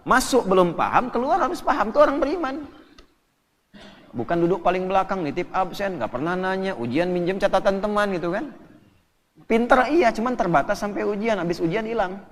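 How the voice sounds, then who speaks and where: An Indonesian man giving a lively, joking sermon to an audience, quoting Arabic scripture. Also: high voice, brisk, big-room sound. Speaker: preacher.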